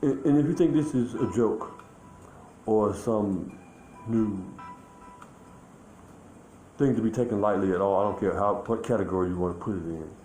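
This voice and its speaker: A man talking in a rambling, halting way, full of fillers and restarts, in a casual monologue recorded outdoors. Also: lowish voice, warm tone, echoey room, faint music behind, poor audio.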